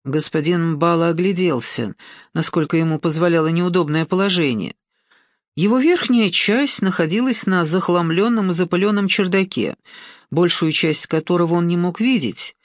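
Woman, audiobook narrator, scripted storytelling, even pace, wry asides, dry close recording. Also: lowish voice, normal speed, no room sound.

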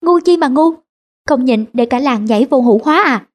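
A woman voicing a sharp-tongued young village wife, scolding and indignant. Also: high voice, animated, normal speed.

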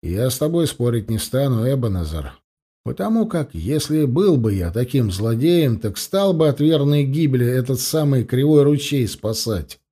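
A man reading an audiobook, voicing a calm, dry-witted male necromancer with a measured, sardonic manner. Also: mid-range voice, breathy edge.

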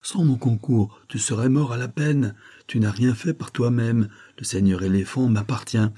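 A man's voice: medium pitch, normal speed, dark tone, husky, natural voice. A man voicing a greedy, scheming male monk who gives orders and threatens. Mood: imperious. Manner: commanding, threatening.

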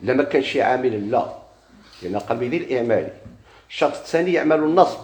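A man's voice: medium pitch, lively intonation, racing, darkish tone. A man with a Moroccan Arabic accent teaching a grammar lesson in a classroom, putting questions to his students and then answering them himself. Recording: echoey room.

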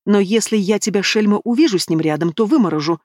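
A woman's voice: mid-range voice, fast, darkish tone, no room sound, clean studio sound, natural voice. A woman voicing a brash and bossy young woman in an audiobook who speaks indignantly and with confidence.

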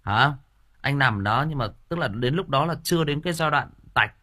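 An expressive man with a mid-range, sharp-toned voice talks at normal speed while hosting an audiobook livestream. Chatting casually with listeners, he jokes, rambles, stumbles on repeated fillers, and laughs at his own stories.

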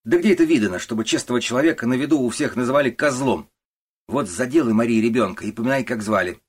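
A man voicing an indignant clerk who complains loudly. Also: medium pitch, fast talker, slightly rough, voice pushed up, close to an everyday voice. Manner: loud and outraged. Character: indignant male office clerk.

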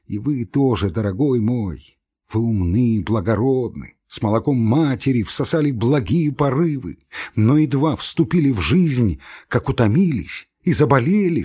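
Man voicing a weary, pleading doctor, husky, lively up-and-down voice, audiobook. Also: mid-range voice. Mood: despondent. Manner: pleading, trembling, then desperate. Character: weary older male doctor turned patient.

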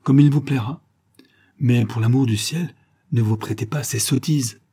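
A man's voice: medium pitch, moderate pace, mellow, slightly rough, close to an everyday voice. A man reading an audiobook, voicing a stern elderly woman guardian with a harsh, disapproving tone. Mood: impatient.

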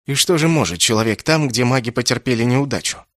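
A man's voice: mid-range voice, fairly quick, fairly bright tone, dry recording, clean studio sound, natural voice. A man voicing a stubborn, mocking young male captive in an audiobook, answering with insolent defiance. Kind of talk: audiobook character reading.

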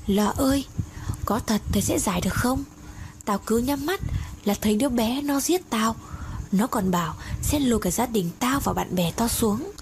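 A woman's voice: fairly high pitch, expressive, normal speed, a little mellow. A woman voicing a frightened young woman haunted by guilt, pleading and tearful, read as an audio story. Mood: tearful, afraid. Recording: noisy audiobook recording.

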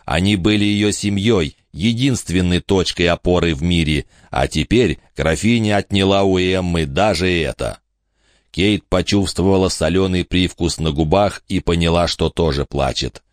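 A man narrating an audiobook in a calm, measured storytelling manner. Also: low voice, no echo, clean studio sound. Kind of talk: scripted narration.

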